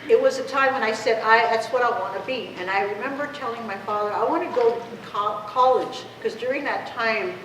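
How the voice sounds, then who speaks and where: Fairly quick and barely pausing, a Spanish-speaking activist in her fifties, her voice a little high and a bit bright, gives an impassioned yet conversational public talk full of rhetorical questions. She's far from the mic in an echoey room, with clear noise.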